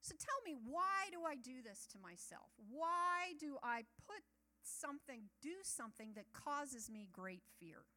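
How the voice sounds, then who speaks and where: Bright-voiced middle-aged woman telling a story. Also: a little high. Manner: chatty, animated storytelling with asides to the audience. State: nervous about public speaking. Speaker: speaker at a church talk. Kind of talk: personal talk to an audience.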